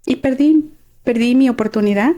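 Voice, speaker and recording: A middle-aged woman with a Mexican accent, a guest telling her life story in an expressive, emotional way. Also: fairly high pitch, moderate pace. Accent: Mexican Spanish. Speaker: interview guest. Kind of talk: personal life story in conversation.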